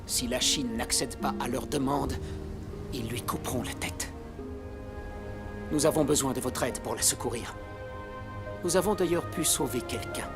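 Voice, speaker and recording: A man's voice: medium pitch, moderate pace, pauses often, natural voice. A man playing a grave, formal admiral devoted to his duty in a dubbed film. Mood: grave, urgent. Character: grave, formal Chinese admiral sworn to protect a princess. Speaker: film voice actor. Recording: film soundtrack with music behind.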